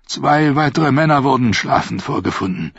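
A man reading an audiobook voices a dutiful, confused royal guardsman, out of breath and reporting in halting bursts. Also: medium pitch, animated, creaky, husky, no room sound, pitched above the performer's own voice. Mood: breathless. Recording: dull lo-fi recording.

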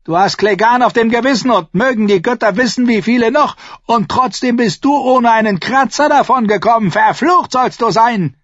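A man voicing a furious, sharp-tongued dwarf lord who rants in a raised voice. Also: on the high side, sing-song, moderate pace, few pauses, no echo, muffled recording, pitched above the performer's own voice. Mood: raging. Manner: raging shouted tirade.

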